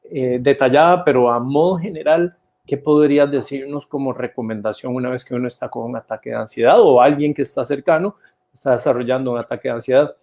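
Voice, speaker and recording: Guy hosting an interview on a video call, asks steady questions. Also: mid-range voice, a little fast. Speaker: interviewer host.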